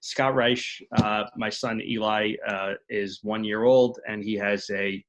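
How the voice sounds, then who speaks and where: A man from New York introducing himself on a parents' video call in a relaxed, self-deprecating way. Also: on the low side, a little slow, poor audio. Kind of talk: casual introduction.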